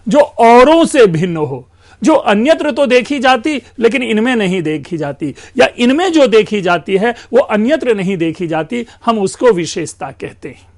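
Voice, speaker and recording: A male lecturer with a fairly high voice explains grammar patiently, stretching out example sounds and switching into English phrases now and then. He talks to his students as friends in a steady, academic lecture. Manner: explains slowly, drawing out sounds and mixing in English; addresses listeners as friends.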